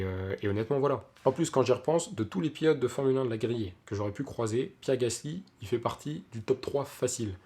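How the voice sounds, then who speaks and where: A man's voice: medium pitch, a little mellow. Young man, casual vlog storytelling, chatty, lots of fillers and restarts. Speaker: vlogger.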